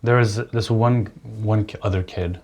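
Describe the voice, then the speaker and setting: Calm, low-voiced young male guest. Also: moderate pace. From Nepal. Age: young adult. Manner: calm, reflective, thoughtful. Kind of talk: casual interview.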